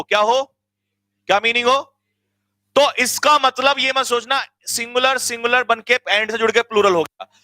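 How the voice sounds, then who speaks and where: A man teaching grammar in an online exam-coaching lecture, energetic, urging his students to hurry and quizzing them with repeated questions. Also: extremely high pitch, no room sound.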